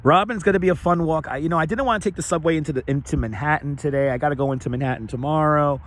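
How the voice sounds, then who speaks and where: Rapid-fire and rambling, a man hosts a walking livestream in a city park, his raspy, slightly squeaky voice hoarse from too much use. He keeps repeating phrases and greeting viewers in turn. The audio comes from a wireless clip-on lavalier mic, with clear outdoor ambience and traffic noise.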